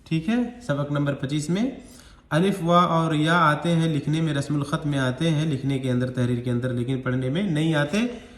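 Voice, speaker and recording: A man with a fairly high-pitched voice, speaking at a moderate pace in an echoey room, guides a slow Quran recitation lesson step by step. He patiently explains each rule while drawing out the words of the recitation.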